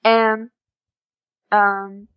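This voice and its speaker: This teenage girl from a small Oklahoma town, an exchange student, chats casually as an interview guest and keeps dropping "like" into her speech. Her mid-range voice holds a level tone and moves extremely slowly and smoothly, with the high frequencies cut off.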